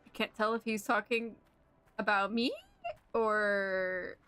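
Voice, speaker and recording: Young woman gaming streamer, swears a lot, laughs easily, slow unhurried chatter, bright voice. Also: medium pitch, smooth. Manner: giggly, excitable and profane, with frequent filler words. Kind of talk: casual gameplay commentary.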